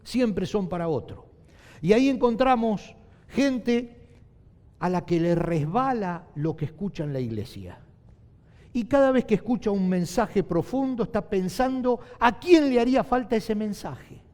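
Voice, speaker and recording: A middle-aged male pastor preaching a sermon, emphatic, repeating key phrases and slowing down to stress them. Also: high voice, animated, a little mellow. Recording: long hall reverb.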